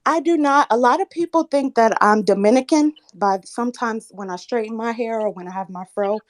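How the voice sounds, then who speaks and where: A fairly high-pitched, fairly quick voice belongs to a woman in her thirties from the Southern United States, calling into a live audio chat room. Earnest and quietly spoken with a slightly shaky edge, she turns insistent and firm when challenged.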